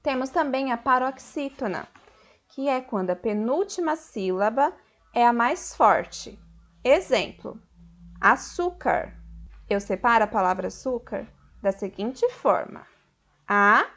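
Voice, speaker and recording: A Brazilian Portuguese-accented woman teaches a recorded lesson in a slightly high voice. She speaks at an unhurried pace, explaining patiently and clearly to children. In her examples she calls out words a little louder and stretches the stressed syllable. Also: expressive. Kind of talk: recorded online school lesson.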